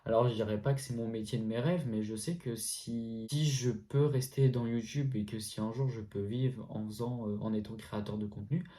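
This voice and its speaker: A man in his twenties, answering viewer questions in a relaxed, chatty vlog with lots of fillers and slang. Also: medium pitch, normal speed, hardly any pauses. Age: 20s. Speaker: YouTuber answering a FAQ. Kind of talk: casual vlog chat. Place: at home, indoors.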